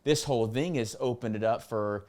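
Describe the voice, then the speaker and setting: A man's voice: mid-range voice, normal speed, a little mellow. A man in his forties talking casually as a podcast guest, emphatic, often repeating words as he goes. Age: 40s. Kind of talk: casual conversational interview.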